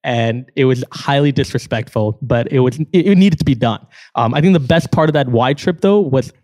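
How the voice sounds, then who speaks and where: A man's voice: medium pitch, animated, moderate pace, a little mellow. A young man from Canada with a Canadian accent, chatting energetically as a podcast guest and laughing often. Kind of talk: casual podcast chat.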